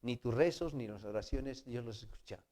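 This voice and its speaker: A man's voice: mid-range voice, moderate pace, dark tone. A man preaching a sermon in a conversational way, often checking for his listeners' agreement. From Peru. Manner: conversational, asks the audience for agreement. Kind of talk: sermon with storytelling.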